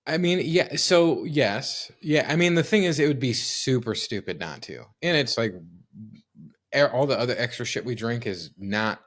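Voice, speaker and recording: A man's voice: medium pitch, animated, moderate pace, a bit bright. A man co-hosting a podcast in casual chat, swearing and sarcastic, thinking aloud with lots of restarts. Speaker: podcast co-host.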